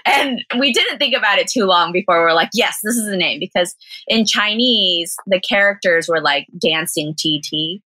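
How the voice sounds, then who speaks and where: An expressive, sharp-toned woman's voice on the low side speaks at normal speed, roughly recorded without room sound. The young interview guest, who owns a vegan cafe and has a Southern Californian American accent, keeps it chatty with frequent laughter and many "like" fillers.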